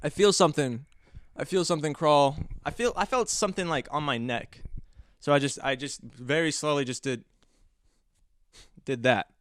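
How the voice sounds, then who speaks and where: Young man with a smooth, dry voice. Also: fairly high pitch, normal speed, dry recording. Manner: rambling, full of restarts and fillers; animated, acting out his own reactions. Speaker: podcast host. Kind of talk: casual storytelling monologue.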